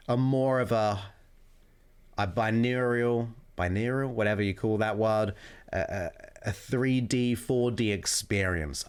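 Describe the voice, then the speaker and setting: A man giving informal self-help coaching, repeating and listing his points for emphasis. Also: medium pitch. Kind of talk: informal explanatory talk.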